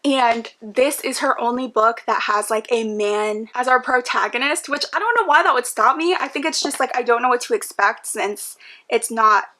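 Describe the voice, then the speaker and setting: A woman's voice: fairly high pitch, normal speed, sharp tone. A young woman chatting casually to camera about books she wants to read, gushing and full of "like" fillers. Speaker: book vlogger. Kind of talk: casual book chat to camera. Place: home room with book cart.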